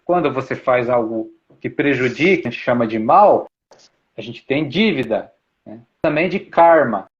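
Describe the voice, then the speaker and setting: A man's voice: medium pitch, expressive, a little slow. Man giving an informal spiritual talk. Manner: repetitive, explanatory, uses many tag questions. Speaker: spiritual speaker. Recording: dull lo-fi sound.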